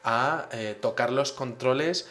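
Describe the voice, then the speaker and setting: A man voicing a friendly male alien who explains things calmly and reassuringly. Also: medium pitch, slow pace.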